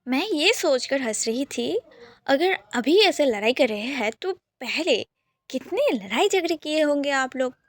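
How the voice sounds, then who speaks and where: A woman voicing an earnest young woman, gentle but stubborn, defending someone with quick insistent pleading in a storybook reading. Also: high-pitched, big pitch swings.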